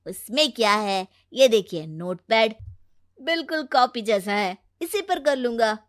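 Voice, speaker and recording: A woman's voice: fairly high pitch, animated, measured pace, fairly bright tone. A woman voicing a cocky twenty-year-old young man hooked on his phone, breezy and dismissive. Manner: breezy and dismissive, whiny when upset.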